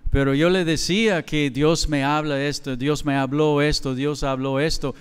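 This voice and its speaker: A middle-aged pastor with a Mexican accent preaches a sermon conversationally in a large church hall, mixing in quoted dialogue. His voice is a little high, steady, clear and resonant, at a moderate pace. The hall gives the recording a long reverb.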